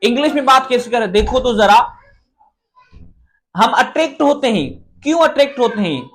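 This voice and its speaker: A man's voice: very high-pitched, animated, normal speed, a bit bright. A man from Pakistan with a Pakistani accent, giving an earnest lecture as an English teacher. He repeats his points and drops English phrases into his talk. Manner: earnest, repetitive, mixes English phrases into Urdu-Hindi. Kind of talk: explanatory lecture.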